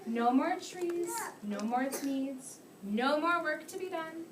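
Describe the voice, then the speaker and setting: A woman with a high, animated voice takes it slowly as she leads a read-aloud for young children, repeating simple instructions and prompting them with questions. The distant mic sits across an echoey classroom, and the children's loud talking fills the background.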